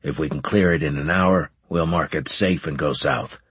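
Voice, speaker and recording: A man voicing a gruff military officer who gives curt, clipped orders in a deeper voice than his narration. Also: steady tone, moderate pace, fairly bright tone, dry recording, full character voice. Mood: stern. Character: gruff commanding male centurion officer.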